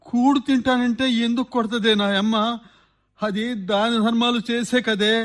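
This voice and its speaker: A man's voice: extremely high pitch, fairly even intonation, normal speed. A man playing a puzzled young husband who coaxes and teases his wife in a dramatic skit. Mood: coaxing.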